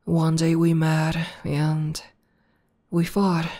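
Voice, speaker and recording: A woman performs a bashful tomboy demoness warrior addressing her partner in a one-sided, intimate ASMR roleplay, using an exaggerated voice delivered in a monotone. Her speech is very low and slow, soft and hesitant but deeply loving, with a calm, reminiscent feel.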